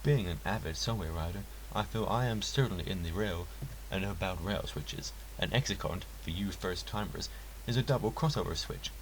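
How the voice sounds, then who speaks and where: A man with a very low voice reads a first-person story aloud from a script at a moderate pace, earnest and theatrical. The home recording is hissy and clearly noisy.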